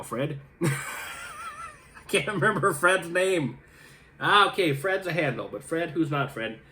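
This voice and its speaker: A man's voice: medium pitch, a bit bright. Rambling, chatty young man. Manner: chatty, self-deprecating, full of fillers and restarts. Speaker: host reading viewer comments. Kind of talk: casual rambling chat.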